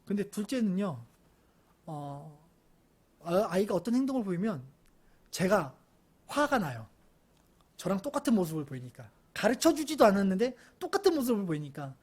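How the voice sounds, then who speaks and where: A man's voice: high-pitched, sing-song, normal speed, pauses often, slightly rough. Earnest man giving a parenting talk. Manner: earnest, softens into gentle soothing when quoting comfort to his daughters; hesitant, with fillers and restarts. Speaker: parent educator. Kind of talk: parenting lecture with personal stories.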